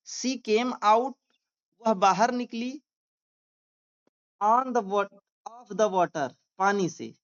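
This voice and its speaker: Man, teacher, slow deliberate delivery, word-by-word explanation, dull lo-fi sound. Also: high-pitched. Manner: reads English lines very slowly, then explains each word; often checks understanding with a question tag. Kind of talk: line-by-line lesson explanation.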